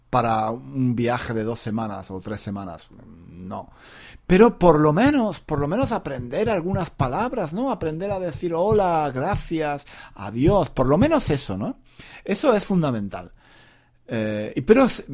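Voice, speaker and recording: Rambling Spanish man, lively pitch. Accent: Spain Spanish. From Spain. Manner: rambling, self-correcting, with frequent rhetorical tags. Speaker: podcast host. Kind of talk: casual podcast monologue.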